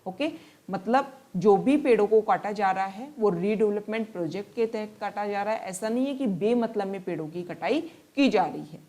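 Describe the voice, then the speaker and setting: A woman tutor talks through the day's newspaper for exam students. She reads English passages slowly and carefully, then explains and rephrases each point in Hindi. Her voice sits at an ordinary middle pitch. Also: warm tone. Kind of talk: newspaper analysis lesson.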